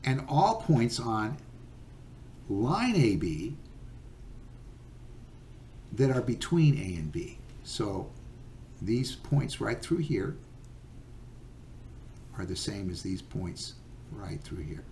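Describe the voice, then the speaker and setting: A man teaching a recorded geometry lesson, patient and unhurried, with many fillers and okays. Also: on the low side, big pitch swings, creaky, warm tone, slight background noise.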